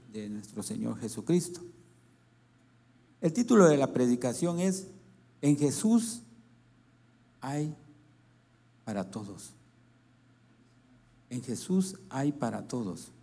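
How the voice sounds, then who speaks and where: A man with a medium-pitched, gravelly and warm voice preaches a sermon in Latin American Spanish, reading scripture slowly and haltingly with restarts.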